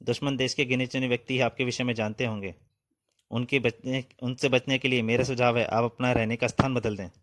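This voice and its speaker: A man reading a comic aloud plays a young male hero, brave and quick-thinking. He speaks with urgent decisiveness at an everyday middle pitch. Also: flat delivery, fairly bright tone, close to an everyday voice. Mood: earnest.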